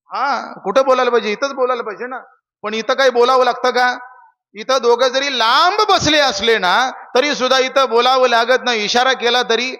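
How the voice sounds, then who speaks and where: A man's voice: extremely high pitch, moderate pace, sharp tone, big-room sound. A young man preaching a kirtan sermon, telling stories and asking the audience questions. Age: young adult.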